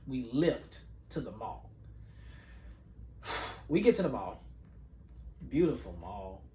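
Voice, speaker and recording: A man's voice: medium pitch, big pitch swings, slow, mellow. A man in his late twenties hosting a podcast, telling a profane storytime and acting out every character. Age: late 20s. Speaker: podcast host. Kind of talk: storytime monologue. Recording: roomy echo.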